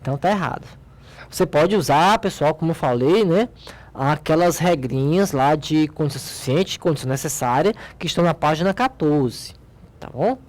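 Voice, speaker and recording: A Brazilian woman with a low, expressive, darkish voice teaches logic at a moderate pace in a recorded lesson. Speaking with a Brazilian Portuguese accent, she works through exercises step by step, pointing things out and asking her own questions before answering them.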